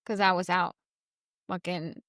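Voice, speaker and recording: A woman co-hosting a podcast in casual chat, blunt and animated, swearing freely. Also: fairly low pitch, unhurried, no room sound, clean studio sound. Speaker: podcast co-host.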